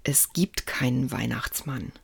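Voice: mid-range voice, normal speed, natural voice. The narrator voicing a gloomy, bossy girl who talks curtly and cuttingly. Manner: curt, dry and cutting.

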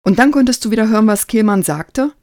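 A woman's voice: fairly high pitch, animated, fast, dark tone, dry recording, studio quality, pitched above the performer's own voice, close to an everyday voice. A woman reading aloud the questions of a curious, impatient male friend. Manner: read aloud with light emphasis.

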